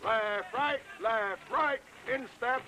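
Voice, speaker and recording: A man's voice: extremely high pitch, slow, bright, forceful tone, slight background noise, heavily acted, low-quality recording. An actor playing a bossy male army drill sergeant who barks clipped commands in a dubbed film. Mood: barking orders. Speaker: drill instructor.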